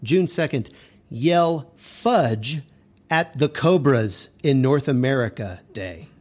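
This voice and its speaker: A man's voice: mid-range voice, animated, takes it slowly, darkish tone. A man co-hosting a podcast in casual chat, reading odd items aloud with amused enthusiasm. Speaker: podcast co-host.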